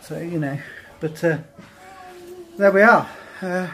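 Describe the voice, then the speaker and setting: A man's voice: on the high side, takes it slowly, bright, forceful tone, a little hiss or hum, poor audio. A man, chatting casually to viewers about feeding his kids, rambling and easygoing. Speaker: vlogger. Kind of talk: casual home vlog chat. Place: small home kitchen and living room. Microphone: phone held at arm's length.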